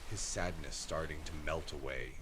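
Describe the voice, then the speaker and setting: A man narrating a bedtime story in a soothing, gentle way, unhurried and in short phrases. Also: extremely low pitch, noisy background.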